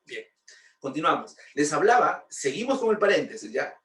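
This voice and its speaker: A man's voice: fairly high pitch, very animated, normal speed, a bit bright, far from the mic. A man teaching English grammar, patiently repeating points and checking with rhetorical questions. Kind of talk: explaining grammar lesson. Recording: roomy, voice from off-mic.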